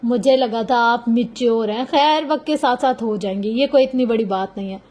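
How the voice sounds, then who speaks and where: Storybook lead: gentle persuasive young male officer, read by a woman, high voice. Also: normal speed, natural voice. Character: earnest young man, police officer, calm and soft-spoken.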